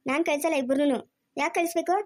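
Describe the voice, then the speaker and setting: A woman portrays a defiant young wife who fires back pointed questions. Her voice is high and sharp. This is a family home drama. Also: fairly even intonation, fast talker, lightly acted. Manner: argumentative, challenging questions. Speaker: daughter-in-law. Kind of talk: amateur family drama acting.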